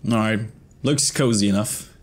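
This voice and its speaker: Muttering hesitantly as he thinks out loud, a man in his twenties records let's-play commentary for his gaming videos at an indoor desk, close to the mic. He speaks at a normal speed in a low-leaning voice.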